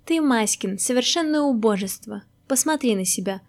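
A woman's voice: fairly high pitch, lively intonation, moderate pace. A woman voicing a rude, arrogant palm tree that lectures scornfully in a storybook.

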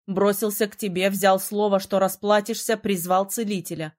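A woman voicing a brooding, sharp-tongued young male mage in an audiobook, teasing and gruff by turns. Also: mid-range voice, fairly even intonation, moderate pace, natural voice. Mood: explaining. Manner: teasing, then gruff and commanding. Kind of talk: audiobook character reading.

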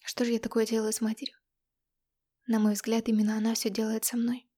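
A woman reading a first-person love story aloud, intimate and dramatic, often sinking to a hushed tone. Her voice sits fairly high. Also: monotone, brisk. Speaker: narrator. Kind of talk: audiobook narration.

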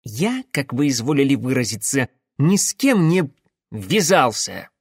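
A man voicing a flustered, indignant gentleman who is easily offended, in an audiobook. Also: high voice, sing-song, moderate pace, no room sound, studio quality, voice pushed up. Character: indignant, fussy gentleman Gunkin.

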